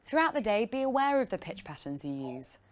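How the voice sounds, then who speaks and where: A woman leading a speaking exercise in a calm, instructive way. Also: medium pitch, fairly quick. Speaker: instructor in a played training clip.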